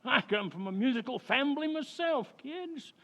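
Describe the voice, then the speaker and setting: A man's voice: extremely high pitch, lively intonation, moderate pace, bright, forceful tone, heavily acted. A man playing a chuckling, folksy old man in an old-time radio comedy. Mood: jolly, folksy. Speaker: amateur actor in a community playhouse radio recreation.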